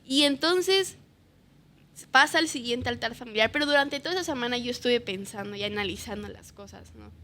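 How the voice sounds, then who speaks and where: A woman's voice: fairly high pitch, lively intonation, brisk, pushed and bright. A young woman earnestly sharing her personal faith testimony as a podcast guest, often ending phrases with a questioning tag.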